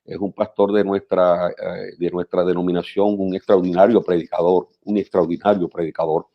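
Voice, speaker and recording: A man, a pastor teaching preachers in a measured, instructive radio talk who repeats phrases for emphasis. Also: deep voice, little pitch movement, muffled recording.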